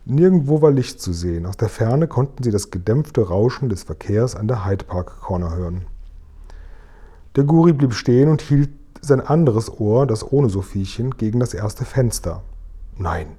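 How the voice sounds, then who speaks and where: A man reading a children's book aloud in a calm, even storytelling voice. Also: mid-range voice, moderate pace, slightly rough. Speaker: reader.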